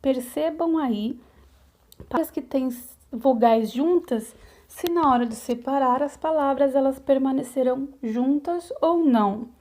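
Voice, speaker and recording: A woman's voice: high voice, a little slow, dark tone. A Brazilian woman teacher giving a recorded video lesson to young pupils, explaining patiently step by step and checking in often. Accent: Brazilian Portuguese. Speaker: primary school teacher.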